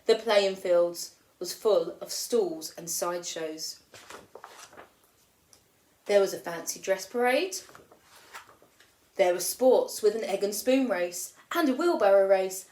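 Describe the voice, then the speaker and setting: A primary school teacher with a mid-range voice reads a children's picture book aloud, telling the story expressively and raising her voice for the children's lines. The recording has a roomy echo.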